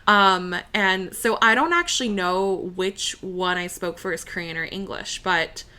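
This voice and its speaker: In a casual conversational interview, a young American opera singer talks slowly in a mid-range voice with a bright, clean tone. She's relaxed and chatty, full of fillers and quick to laugh.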